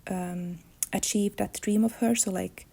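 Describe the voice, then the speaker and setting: A gravelly, even-toned woman from Finland, Swedish by first language, delivers a reflective life-story monologue at medium pitch and a measured pace. An illustrator and comics artist, she speaks thoughtfully while searching for words.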